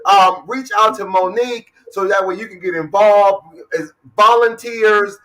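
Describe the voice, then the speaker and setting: An energetic man hosts a livestream show, greeting viewers by name and urging them to shout out their schools. His voice sits high and sounds bright and forceful. He is a little far from the microphone. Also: a little slow. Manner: energetic, hypes up viewers, calls out names. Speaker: talk show host. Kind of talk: lively livestream hosting.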